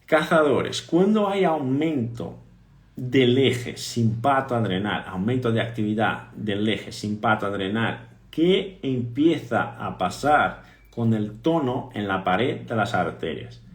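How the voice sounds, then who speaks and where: Animated male lecturer, roomy sound. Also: mid-range voice, slow. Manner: animated, repeats points, quizzes the audience. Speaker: physiotherapy teacher. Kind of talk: live online lecture.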